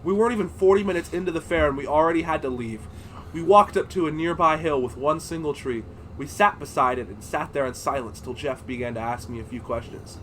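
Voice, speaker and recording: A young man hosting a podcast, swinging between quiet and loud while doing a comic dramatic reading. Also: fairly high pitch, fairly quick, slight background noise. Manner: animated, breaks into laughter, swings from quiet to loud. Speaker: podcast host.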